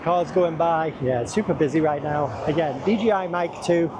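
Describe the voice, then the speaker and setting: A man's voice: a little high, normal speed. A man talking casually while riding outdoors near a busy road, recorded on a wireless lav mic with noise reduction processing on, speaking up over the wind. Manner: talks loudly over wind, tries not to shout. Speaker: gear reviewer.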